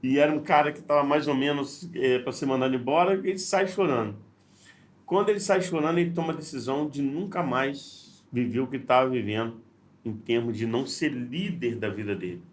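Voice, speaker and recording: A man, a leadership trainer who is a guest on a podcast, telling stories in a casual way, acting out the dialogue and often restarting his sentences. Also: medium pitch. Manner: animated storyteller, acts out dialogue, frequent restarts. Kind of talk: casual storytelling conversation. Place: podcast studio.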